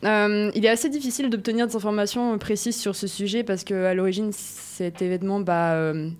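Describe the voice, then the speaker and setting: A woman's voice: mid-range voice, fairly even intonation, fairly quick, clean tone. A woman presenting a segment on a sports talk show, chatty and laughing, with many hesitations. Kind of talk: casual radio chat.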